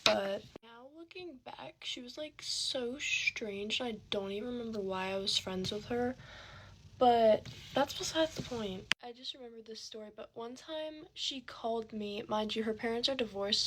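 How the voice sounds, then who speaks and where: A woman telling a rambling storytime while getting ready, soft-spoken with many fillers, recorded on a phone set back from her. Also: a little high, a little hiss or hum. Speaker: vlogger.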